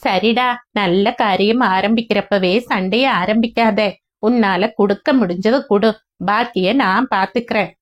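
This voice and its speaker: A woman's voice: medium pitch, unhurried, natural voice. A woman voicing a reproachful older mother in a storybook reading. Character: older mother, scolding and demanding.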